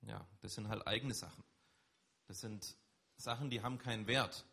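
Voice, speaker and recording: A man preaching in German, his voice somewhat husky and breathy. He talks conversationally to his congregation but pushes up hard on key words. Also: fairly low pitch, moderate pace, sharp tone. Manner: conversational, emphatic preaching with rising stresses. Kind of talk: sermon.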